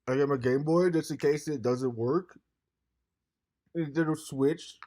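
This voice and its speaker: A hoarse man in his late twenties rambling loosely in a casual vlog, saying "dude" constantly. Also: a little high, slow pace, warm tone. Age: 20s. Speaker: vlogger.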